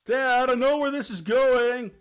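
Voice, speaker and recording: A man voicing a sarcastic teenage girl in her last year of high school, teasing her dad with deadpan quips in a game playthrough. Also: measured pace, smooth, soft background music. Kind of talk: playthrough voice acting.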